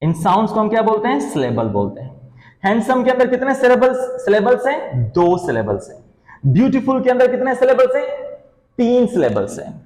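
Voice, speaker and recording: A man's voice: high-pitched, sing-song, brisk, a little mellow. A man teaching a grammar lesson, asking questions and answering them himself, addressing students as his children and friends. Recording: echoey room with long reverb.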